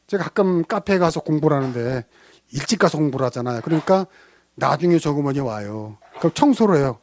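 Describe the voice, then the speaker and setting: A male pastor preaching a sermon in church in a conversational, animated way, asking the congregation questions as he tells stories. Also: sits high.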